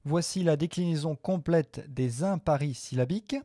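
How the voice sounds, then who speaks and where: A man teaching a Latin grammar lesson to viewers, patient and methodical, repeating each form slowly with small hesitations. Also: a little high, mellow, no echo, clean studio sound.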